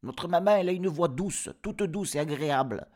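A man's voice: on the high side, moderate pace, darkish tone, pitched above the performer's own voice, lightly acted. A man voicing cheeky young goat kids who mock and talk back in a cocky, slangy way. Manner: mocking, cocky, slangy backtalk.

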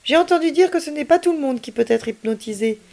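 A woman's voice: high-pitched, expressive, fast, gravelly, mellow, pitched above the performer's own voice. A woman voicing a frightened young boy in a children's story, anxious and pleading.

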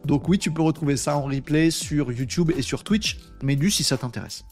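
Male streamer, tired, chatty, slightly high voice, faint music under. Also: moderate pace, darkish tone. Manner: chatty, reads viewer comments aloud, playful asides. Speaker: livestream host reading chat. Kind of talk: casual live chat.

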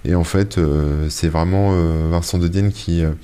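A man's voice: deep voice, fairly even intonation, unhurried, mellow. A man co-hosting a podcast, casually reviewing a film, rambling with frequent fillers. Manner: rambling, hesitant, frequent "euh" and "hein". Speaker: podcast co-host.

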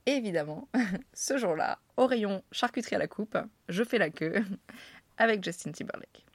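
A woman's voice: mid-range voice, expressive, normal speed, dry recording. A young woman from France telling funny anecdotes to camera in a chatty, self-mocking way, with slang and frequent laughs. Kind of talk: casual storytelling to camera.

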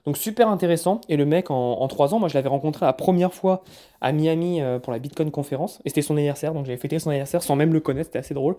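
A man's voice: on the high side, fast, dark tone. A man from France recapping events in a casual vlog, chatty, often stumbling and repeating words. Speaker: vlogger.

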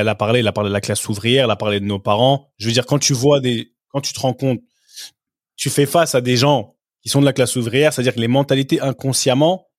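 A man's voice: mid-range voice, no echo, clean studio sound. A man who is a former professional footballer, a guest telling anecdotes in a casual podcast chat and often adding "tu vois".

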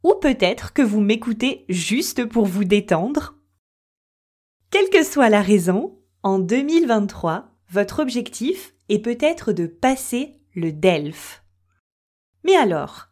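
A woman hosting a French-learning podcast, explaining things slowly and clearly and putting questions and examples directly to her listeners. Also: medium pitch, sing-song, a little mellow. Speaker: French teacher and podcast host.

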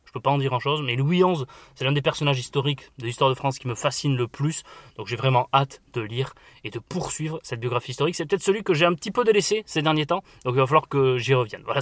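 A man hosting a casual book podcast, chatty and enthusiastic, often filling pauses with "voilà". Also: medium pitch, fairly bright tone, no echo. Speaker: podcast host.

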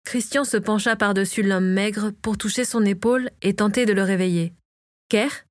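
Woman narrator, audiobook reading, dry close voice, mid pitch, measured. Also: no echo.

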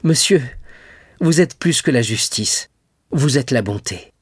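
A man's voice: medium pitch, lively intonation, fairly quick, slightly rough, no room sound, clean studio sound. A man voicing an earnest young male prisoner who pleads with eager, raised speech. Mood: grateful.

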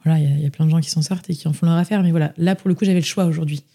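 A young woman from France, being interviewed, races through her personal story very fast in a deep, dark voice with fairly even intonation. She is chatty, and her speech is packed with fillers and restarts.

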